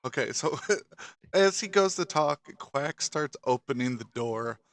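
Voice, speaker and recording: Slow, gravelly-voiced man running a game. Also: mid-range voice, expressive. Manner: halting, with many restarts and fillers. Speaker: dungeon master. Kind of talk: narrating a tabletop game.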